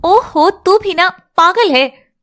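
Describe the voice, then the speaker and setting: A woman voicing a calm, sentimental seventeen-year-old village girl, gently amused. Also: extremely high pitch, slow, soft background music, pitched above the performer's own voice, full character voice.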